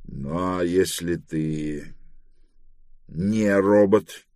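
A man's voice: low voice, lively intonation, a little mellow, dry recording, clean studio sound. A man reading an insistent, stubborn grown man. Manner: insistent, deliberate. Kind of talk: audiobook dialogue reading.

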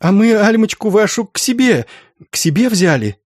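A frightened young woman cries out in a high, breathless pitch, as a male audiobook reader puts her on. The voice is dry and close. She sounds close to tears. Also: lively intonation, measured pace, warm tone, no echo. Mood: tearful.

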